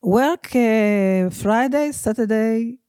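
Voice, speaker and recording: An older woman from Israel with an Israeli accent, talking as an interview guest in a halting way, often restarting her sentences and searching for words. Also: on the high side, dark tone, clean tone, no echo, clean studio sound. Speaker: guest, mother of a comedian. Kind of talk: casual interview chat.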